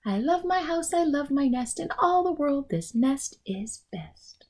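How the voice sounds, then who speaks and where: A woman's voice: sits high, very animated, a little slow, a little mellow, voice pushed up. Woman as a contented, sing-song motherly storybook bird. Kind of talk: children's storybook read-aloud.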